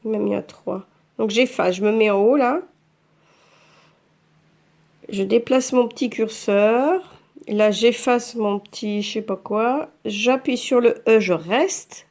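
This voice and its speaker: Slow, patient woman teaching French. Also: fairly high pitch, a little mellow. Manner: slow, patient, narrates each tap aloud. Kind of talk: screen-by-screen app tutorial for learners.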